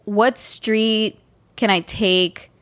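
A woman's voice: medium pitch, steady tone, very slow, fairly bright tone, dry recording. A woman co-hosting a podcast, chatting casually and filling her talk with "like" and "you know". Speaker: podcast co-host. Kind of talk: casual chat. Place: indoor recording in Seattle.

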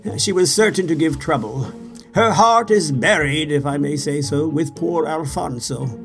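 Narrator putting on a sulky, self-satisfied old storybook king; rambling, animated delivery. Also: fairly high pitch, normal speed, vocal fry, soft background music. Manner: rambling, grumbling, pleased with himself.

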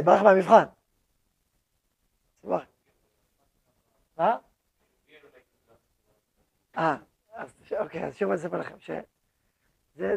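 A man's voice: sits high, creaky, darkish tone. A man, the head rabbi of a yeshiva, giving a lecture to his students and repeating words for emphasis.

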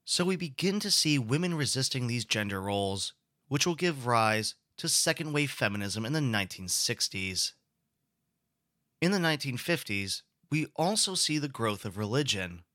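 A man's voice: medium pitch, very animated, moderate pace, bright, forceful tone, dry recording, studio quality. A man giving a recorded history lecture in an explanatory way, posing rhetorical questions to the class.

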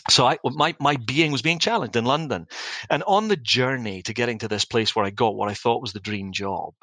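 A man's voice: medium pitch, brisk, bright, forceful tone, no room sound, rough recording. A middle-aged man with a Scottish accent, a business founder telling his story in an interview in a wry, reflective, anecdotal way with frequent restarts. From Scotland.

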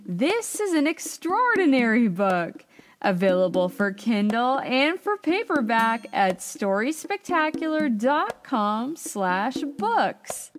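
A woman narrating a children's story in an expressive, animated way. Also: on the high side, takes it slowly, a little hiss or hum.

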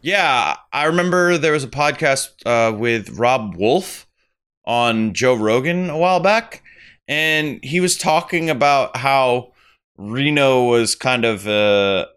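A man's voice: medium pitch, a bit bright, smooth. A man co-hosting a podcast in casual chat, rambling and often correcting himself. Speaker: podcast co-host.

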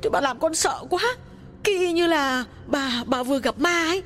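A man's voice: very high voice, moderate pace, fairly bright tone, slight background noise, pitched above the performer's own voice. A man voicing an eager, anxious young female servant who asks curious, pleading questions.

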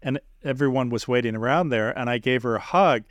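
A man hosting an interview, speaking in a measured, earnest way with many pauses and filler sounds. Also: medium pitch, no room sound, dull audio. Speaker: podcast host interviewing a guest. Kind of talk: reflective interview talk.

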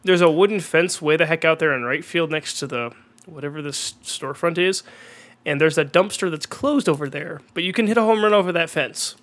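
A young man with a cold, sounding congested and clearing his throat, hosting an excitable amateur commentary on a baseball video game. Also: a little high, brisk. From Minnesota. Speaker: host and play-by-play announcer.

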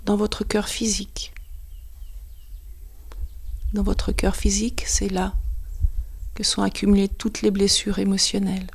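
Female meditation guide: soothing near-whisper, breathy and husky, very level intonation, short spaced phrases. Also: mid-range voice, level tone, unhurried, long pauses.

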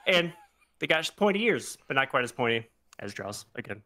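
Bright-voiced man describing his character. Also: medium pitch, sing-song. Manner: playful, laughing, drawn-out descriptions. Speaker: player.

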